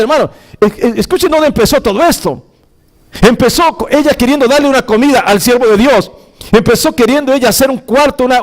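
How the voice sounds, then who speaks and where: A man with a very high voice for a man, preaching as a pastor. He retells a scripture story in a dramatic way, with exclamations and frequent stumbling restarts. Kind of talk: storytelling sermon.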